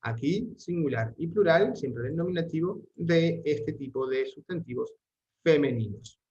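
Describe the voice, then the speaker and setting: A man giving an online Latin lesson, explaining grammar patiently and reading Latin sentences aloud slowly. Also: a little high, expressive, warm tone, muffled recording. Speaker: Latin teacher.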